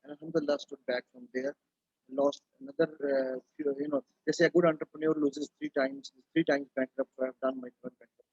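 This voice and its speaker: A man's voice: mid-range voice, fairly even intonation, fairly quick, a little mellow, slightly rough, dry recording, lo-fi sound. A middle-aged man from Pakistan, speaking as a webinar panelist in an earnest, emphatic way, full of rhetorical questions. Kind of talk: panel talk.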